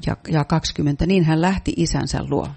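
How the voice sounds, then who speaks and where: A man's voice: on the high side, fairly even intonation, vocal fry, a little mellow. A man interpreting a sermon, reading each translated passage steadily.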